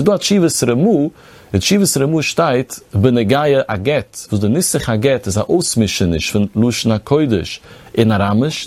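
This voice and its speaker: A man's voice: mid-range voice, a little mellow, dry recording. A man teaching a religious text, reading Hebrew phrases in a chanting cadence and then explaining them. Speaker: Torah teacher.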